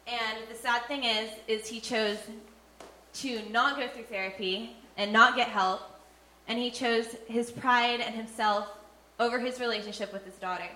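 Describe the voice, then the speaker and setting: Speaking at a normal speed in a slightly high, steady, sharp voice, a young woman gives a sincere personal testimony of faith. Fillers come often, and the echoey room holds a faint ambient hum of noise.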